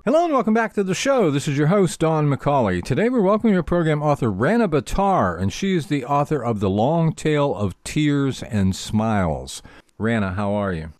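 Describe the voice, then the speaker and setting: Lively male interview host, dry studio sound. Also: on the high side, normal speed, dry recording, faint music behind. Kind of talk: radio-style interview.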